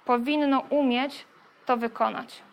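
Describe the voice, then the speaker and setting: A woman's voice: sits high, fairly even intonation, a little slow. A woman giving a spoken lecture on how young children learn to talk, explaining step by step with frequent fillers and checking questions. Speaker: lecturer on child speech development.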